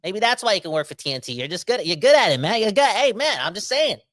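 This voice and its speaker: Fast and high-voiced, a thirtysomething Canadian podcast host reads off live chat comments and rants in loose slang. The recording is dry with a clean studio sound. He rambles with lots of energy and talks right to the audience.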